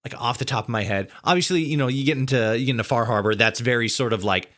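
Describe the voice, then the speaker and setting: A man hosts a relaxed interview podcast, piecing together long questions in a halting way and repeating words as he goes. His voice sits in the mid range with a fairly bright tone.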